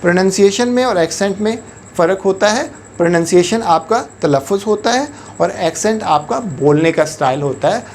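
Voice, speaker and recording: This is an English teacher from Pakistan, a man with a high-pitched voice and lively intonation, who delivers an instructional talk in a patient, measured way. He often drops into English words and phrases, and a little hiss or hum can be heard.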